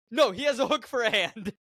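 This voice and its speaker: Young male podcast co-host, high voice, dry close sound, self-mocking and quick to laugh. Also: expressive, a bit bright, no room sound. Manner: laughs at his own slips, self-mocking. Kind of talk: casual movie-rewatch chat.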